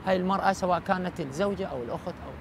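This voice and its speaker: Iraqi guy, gravelly fast talker, reflective interview answers, stumbles over word starts, outside in the city. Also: high voice. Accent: Iraqi Arabic. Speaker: religious cleric guest. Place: outdoors at night in a city park. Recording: traffic and city noise behind.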